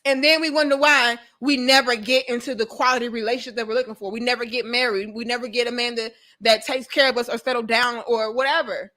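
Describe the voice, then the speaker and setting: Quick and nearly pause-free, a young woman with a St. Louis accent talks to her livestream audience about relationships in a fairly high, steady, sharp voice. She's informal and blunt, stresses and repeats phrases, and swears freely.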